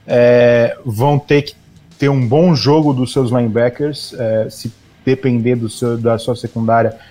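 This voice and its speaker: Relaxed, mellow Brazilian man. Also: medium pitch, a little slow, soft background music. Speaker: sports analyst on a live stream. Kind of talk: informal football analysis.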